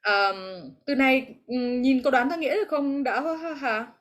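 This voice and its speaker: A woman's voice: high-pitched, normal speed, fairly bright tone. A woman English teacher with a Vietnamese accent, teaching an online class over a video call, explaining patiently and encouraging her students.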